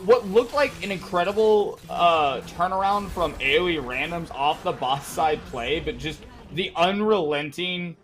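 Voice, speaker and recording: A man with a slightly high voice breaks down an esports match live. His analysis is loose and chatty, full of fillers. Faint music plays behind him. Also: animated, a little slow, hardly any pauses, a bit bright. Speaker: esports color commentator. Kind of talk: live game analysis commentary.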